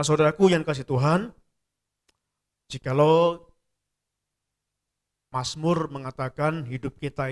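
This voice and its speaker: A man's voice: high voice, a bit bright. A middle-aged man preaching a sermon as a church pastor, telling stories and repeating phrases for emphasis. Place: church service.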